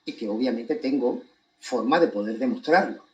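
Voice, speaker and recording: A man with an accent from Spain gives a deliberate, emphatic monologue to an audience, breaking his phrases with pointed pauses. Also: mid-range voice, expressive, muffled recording. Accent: Spanish from Spain. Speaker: commentator giving his account of a court case.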